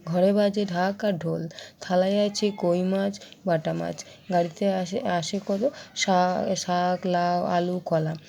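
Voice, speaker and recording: A woman's voice: steady tone, a little slow, creaky, mellow, a little hiss or hum. A woman explaining a first-grade workbook to young children, patient and repetitive, often checking if they understood. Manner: patient, repeats "okay?" with rising pitch. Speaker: primary school teacher.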